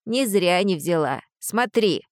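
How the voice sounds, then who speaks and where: Woman narrator doing a small male lizard guardian, haughty and hissing, slightly lowered voice, dry recording. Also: animated, slow pace, dry recording. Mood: urgent. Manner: hissing, condescending.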